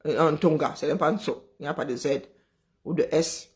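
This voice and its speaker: A woman hosting a live stream, talking in an animated, sarcastic, chatty way. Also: deep voice, fairly quick. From Cameroon. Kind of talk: casual live commentary.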